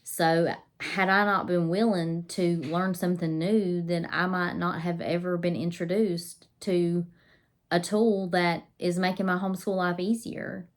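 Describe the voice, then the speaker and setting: Her fairly low voice stays level and measured as she vlogs about homeschooling in a casual, to-camera way. Pollen makes her sound slightly scratchy and nasal, and she's chatty, often restarting and saying um.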